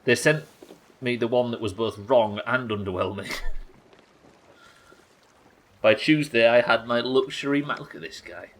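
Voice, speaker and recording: At his desk indoors, an Englishman provides casual live game commentary, swearing, joking, bantering, and reading out chat. His medium-pitched voice is fairly bright, unhurried, and full of pauses.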